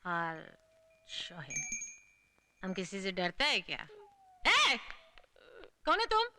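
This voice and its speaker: A woman's voice: medium pitch, wildly swooping pitch, very slow, pushed and bright, a little hiss or hum, exaggerated voice. An actress playing a bossy landlady who scolds in broken Hindi mixed with English. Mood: shooing.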